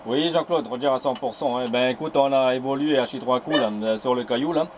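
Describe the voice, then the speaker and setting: On an island, a friendly ham operator films his casual radio contact, using an old handheld mic on a transceiver at his home station. He talks a little fast in a mid-range voice over a noisy background, ending almost every phrase with "là."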